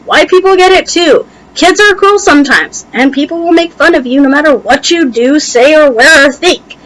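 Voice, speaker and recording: A woman's voice: sits high, moderate pace, a bit bright, rough recording. A young American woman giving an opinionated vlog rant in a heated, emphatic way, her speech slightly impeded by a tongue piercing and allergies. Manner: heated, emphatic, casually profane. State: allergies making it hard to talk. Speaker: video blogger. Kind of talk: opinionated reaction rant to camera.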